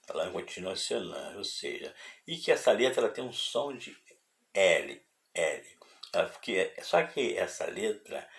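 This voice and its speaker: Slow, halting male preacher in an echoey room. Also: low-pitched, distant mic. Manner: halting, repeats words, rising to emphatic bursts. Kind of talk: sermon-style religious teaching. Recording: echoey room, voice somewhat off-mic.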